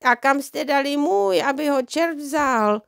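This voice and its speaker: A woman's voice: high-pitched, creaky, fairly bright tone, dry recording, studio quality, pitched above the performer's own voice. A woman voicing a flustered, stammering rich old man who grumbles to himself in a children's audiobook. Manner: sputtering, indignant exclamations.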